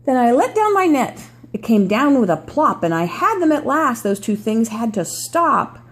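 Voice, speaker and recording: An older woman, a sweet, gentle grandmother reading a children's story aloud with chatty asides for a small child. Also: on the high side, very animated, normal speed.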